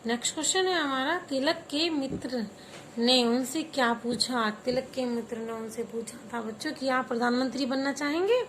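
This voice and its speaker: A woman's voice: high voice, normal speed, a bit bright, a little hiss or hum, poor audio. A woman teaching a Hindi class to young children, patiently explaining word meanings and having them repeat words after her. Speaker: primary school teacher.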